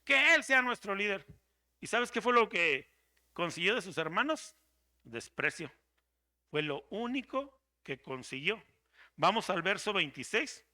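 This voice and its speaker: A man's voice: high voice, sing-song, a little slow, bright, forceful tone. A man preaching a sermon as pastor, dramatic and theatrical, acting out the voices of the people he quotes.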